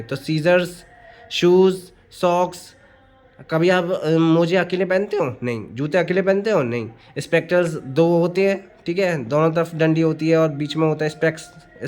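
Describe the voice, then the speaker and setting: A male Hindi grammar teacher, fairly high voice. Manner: explains step by step, asks and answers his own questions; often says "ठीक है" between points. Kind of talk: exam-prep grammar lesson.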